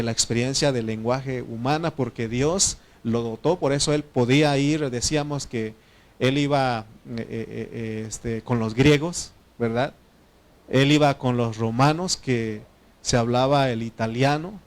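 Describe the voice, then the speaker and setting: Mexican pastor preaching conversationally. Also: male voice, medium pitch. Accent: Mexican Spanish. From Oaxaca, Mexico. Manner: conversational, asks the congregation questions; frequent fillers and self-corrections. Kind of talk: sermon.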